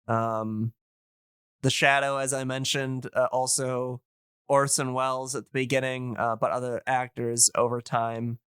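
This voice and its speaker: A podcast host with a bright, smooth, mid-range voice leads a casual show, explaining things like an enthusiast in wandering, nerdy phrasing. The sound is very dry, with no room or echo around him.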